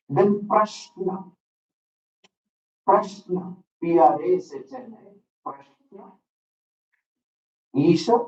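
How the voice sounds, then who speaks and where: A man's voice: on the high side, mellow. A man giving a spiritual teaching talk at a retreat, repeating terms and spelling them out letter by letter. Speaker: spiritual lecturer. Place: school hall. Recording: roomy, distant, dull-toned recording.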